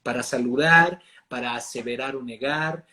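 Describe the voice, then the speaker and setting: A man with a Mexican accent, a voice and acting coach explaining his craft in a casual interview, talking in an animated, lively way. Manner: animated, explanatory, fast shifts in pitch and loudness.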